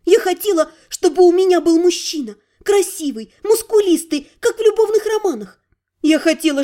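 A woman's voice: very high voice, mellow, voice pushed up. Woman playing a flustered, defiant young woman. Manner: flustered but defiant, pleading. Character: stubborn, nervous young woman. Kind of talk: audiobook character voice.

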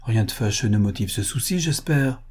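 A man reading the part of a sharp-tongued old gossip with a mocking, arch manner. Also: mid-range voice, lively intonation, moderate pace, slightly rough.

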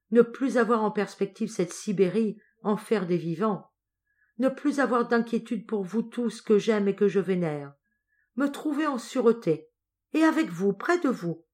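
A woman's voice: medium pitch, lightly acted. A woman voicing an emotional young exiled prince who speaks in fervent, tearful outbursts, in a storybook reading.

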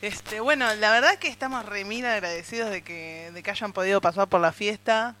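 A host with a Rioplatense Spanish accent, thanking guests in relaxed, casual chat. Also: medium pitch, fairly quick, faint music behind.

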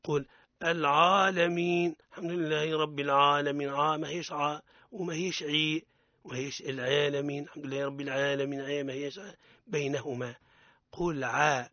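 Tunisian man, recitation teacher on radio, higher voice, dry and slightly dull studio sound. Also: steady tone, a little fast, fairly bright tone, no room sound. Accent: Tunisian Arabic. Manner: corrects pronunciation, models recitation for repetition.

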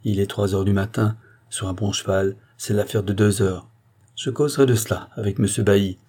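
A man voicing an angry, vengeful guardsman who recounts his ride with fierce conviction, in a husky voice. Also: lowish voice, dark tone. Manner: fierce, vehement storytelling.

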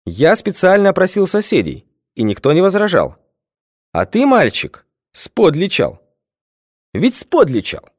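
A man's voice: high voice, wildly swooping pitch, a little slow, dry recording, clean studio sound, pitched above the performer's own voice, exaggerated voice. A man voicing a pompous male district official who lectures with mocking sympathy.

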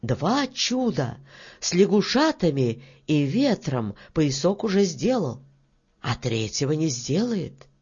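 A woman narrating a fairy tale for an audiobook in an expressive, storytelling manner. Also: low-pitched, breathy edge. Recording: dull lo-fi audiobook recording.

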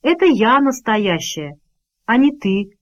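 Woman reading as a panicky old lady, breathless and begging, voice pushed up high, audiobook. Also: big pitch swings, slow pace, rough recording. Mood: shaken recounting. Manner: breathless, shaken, pleading. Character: frantic elderly woman, distraught and pleading.

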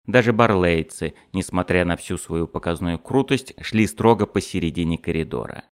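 Low-voiced male audiobook narrator. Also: moderate pace, smooth. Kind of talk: first-person audiobook narration.

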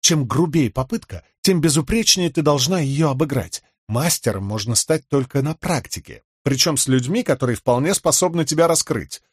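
A man's voice: fairly high pitch, expressive, moderate pace, hardly any pauses, breathy edge, dry recording, clean studio sound. Man doing a wry, teasing woman swindler. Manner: wry, instructive. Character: worldly older woman con artist, teasing and wry.

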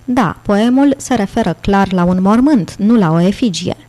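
Calm, polite professor, read by a woman. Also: medium pitch, lightly acted. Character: middle-aged male professor, calm and polite.

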